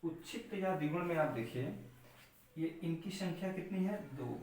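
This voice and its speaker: A man's voice: a little high, lively intonation, a little mellow, a little hiss or hum. Man teaching in an echoey room. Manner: explains slowly, asks and answers own questions. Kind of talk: classroom lesson on pronunciation. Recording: far-off mic in echoey room.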